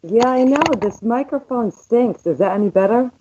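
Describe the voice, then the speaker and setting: A woman's voice: a little high, lively intonation, normal speed, very noisy. A woman guest on a radio talk show, calling in as a psychic reader, with her voice muffled as if heard through a wall by a poor microphone. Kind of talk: casual chat. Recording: dull, muffled cheap microphone on a call-in line.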